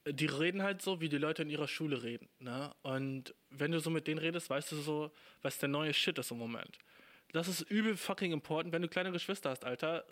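A man's voice: fairly high pitch, fairly bright tone. A young man in his twenties from Germany, hosting a podcast alone, talking in a rambling casual monologue full of profanity and slang. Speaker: podcast host.

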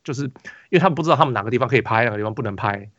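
A man's voice: mid-range voice, expressive, very fast, a bit bright, dry recording, muffled recording. A man with a Taiwanese Mandarin accent, hosting a casual basketball podcast, telling a rambling story full of restarts and fillers. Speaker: podcast host.

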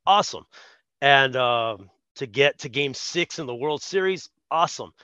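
Bright-voiced man telling a sports story. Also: medium pitch, unhurried, clear, resonant tone, no room sound, lo-fi sound. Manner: animated, laughs often, acts out quotes. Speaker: podcast co-host. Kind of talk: casual chat, storytelling.

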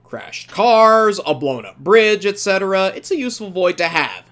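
Leading a casual anime review podcast, this man speaks emphatically with strong opinions, slipping into mock quotations as he retells things. His voice sits high and sounds fairly bright and expressive at a normal speed. Faint music plays behind him.

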